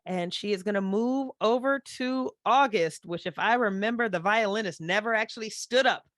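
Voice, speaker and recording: A woman's voice: medium pitch, moderate pace, fairly bright tone, dry recording, studio quality. A woman running a tabletop horror game, narrating scenes casually and with frequent fillers. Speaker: game master.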